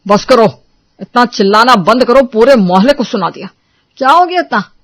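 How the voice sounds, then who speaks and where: A woman's voice: fairly high pitch, lively intonation, moderate pace, dry recording. A woman playing a stern, exasperated husband. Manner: commanding, exasperated. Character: stern husband stopping a quarrel. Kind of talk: storybook drama.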